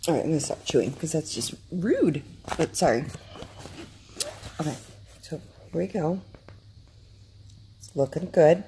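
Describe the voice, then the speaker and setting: A woman's voice: low-pitched, lively intonation, a little slow, pauses often, dark tone, slight background noise. A woman vlogging casually at home, rambling and restarting her sentences while chewing food and showing her craft work. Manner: rambling, self-interrupting, chatty. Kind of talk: casual chat to camera. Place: home, downstairs room.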